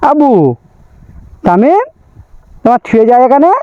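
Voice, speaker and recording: A man's voice: extremely high pitch, expressive, normal speed, dark tone, clear, resonant tone, no room sound, muffled recording. A man vlogging, playfully coaxing and teasing small children in a sing-song way, then signing off to his viewers. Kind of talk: casual vlog talk to children and viewers.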